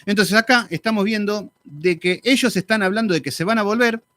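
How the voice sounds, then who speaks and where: A man teaching a live Bible study in an animated, sarcastic, conversational way. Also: high-pitched, brisk, dry recording.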